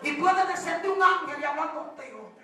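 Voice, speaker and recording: A woman preacher, delivering a fervent sermon that swings between shouting and hushed testimony. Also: extremely high pitch, moderate pace, a crowd in the background. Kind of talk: Pentecostal-style sermon. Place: large church hall. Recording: very echoey hall, distant mic, congregation.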